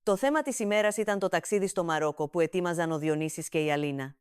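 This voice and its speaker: A woman narrates a comic family tale in a steady, even storytelling manner. Her voice is smooth and rather low, and it is recorded close and dry with no room echo.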